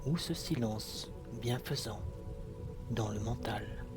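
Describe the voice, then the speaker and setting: Slow, sultry male hypnosis guide. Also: on the low side. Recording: music behind the voice. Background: clear background music.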